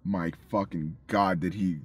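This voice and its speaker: A man co-hosting a casual music review chat, animated and profane, acting out his own reactions. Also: deep voice, measured pace, breathy edge, no room sound. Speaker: co-host of a music review show.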